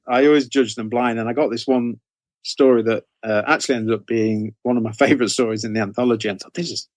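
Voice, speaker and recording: The guest, a mid-range-voiced man who is an author and anthology editor, answers interview questions in a casual, hesitant manner. He keeps repeating and revising his words, and the recording has no room sound.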